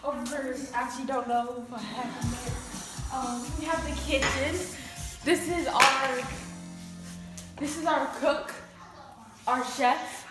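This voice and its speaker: Over loud music, a young woman speaks slowly in a high-pitched, level voice with long pauses as she gives a playful, mock-boastful tour of a house and yard, giggling throughout. The vlogger shoots it on a handheld phone camera, so the audio is roomy with background noise.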